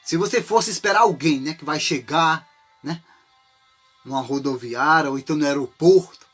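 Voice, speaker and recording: A man's voice: on the high side, a bit bright, slightly rough. A man from Brazil with a Brazilian Portuguese accent, preaching an informal sermon in a chatty way, with many rhetorical and tag questions, and sometimes acting out desperate cries for help.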